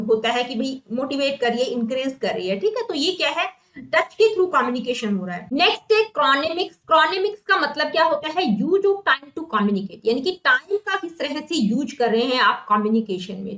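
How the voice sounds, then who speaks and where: A woman with a high, bright voice teaches an exam-prep lesson in a roomy, echoing space. She poses questions to her class and answers them herself, checking in again and again. She slows right down, word by word, for the English definitions. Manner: explains terms, then asks and answers her own questions with "ठीक है?".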